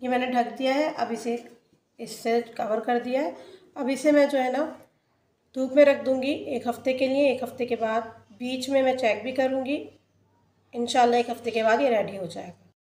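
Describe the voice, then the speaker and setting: Cooking host, woman, high voice, step-by-step recipe narration in an echoey home kitchen. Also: steady tone, moderate pace, darkish tone. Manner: plain, explains each step as she works.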